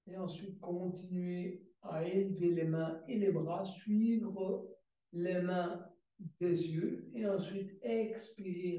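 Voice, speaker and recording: A calm male yoga teacher talks a class through breathing and stretches, repeating his cues softly and slowly. His voice is mellow and sits a little high for a man. He sounds far from the mic in a very echoey room. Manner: calm, slow step-by-step breathing cues with soft repetitions. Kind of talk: guided yoga class instruction.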